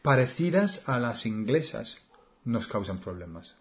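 A man with an English accent speaking Spanish, co-hosting a relaxed language lesson, slow and hesitant with many fillers. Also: medium pitch. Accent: English learner speaking Spanish. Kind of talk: casual conversational lesson.

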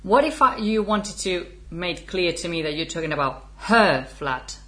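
Woman, forties, lowish voice, chatty teacher who laughs easily, casual lesson. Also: lively intonation, moderate pace. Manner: chatty, laughs often, switches between Spanish and English. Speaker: Spanish teacher.

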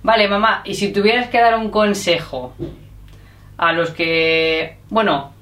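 A woman in a lively, teasing way. She sits some distance from the mic. The room around her echoes. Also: mid-range voice, a little slow. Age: 30s. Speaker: interviewer, video host. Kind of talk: casual chat.

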